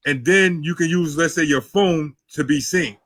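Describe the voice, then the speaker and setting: A man hosting an online call, chatting casually in loose, relaxed restarts. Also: fairly high pitch, normal speed. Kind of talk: casual chat. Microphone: video call.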